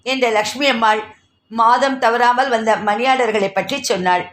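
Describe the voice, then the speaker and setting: A woman's voice: a little high, steady tone, normal speed, a bit bright, roomy sound. A woman reading a novel aloud as a narrator, voicing the characters' dialogue herself. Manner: reads characters' dialogue in her own voice.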